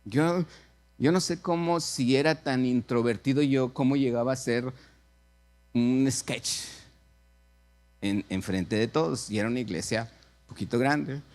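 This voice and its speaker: A man's voice: medium pitch, measured pace, pauses often, a little mellow. A man preaches by telling a story in a chatty way, often repeating himself and checking that listeners agree. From Mexico. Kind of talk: storytelling sermon.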